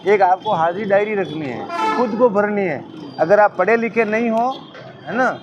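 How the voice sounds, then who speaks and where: A man's voice: high voice, moderate pace, music in the background. A man, explaining a labour helpline to workers outdoors, patiently repeating himself. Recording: muffled, crowd noise.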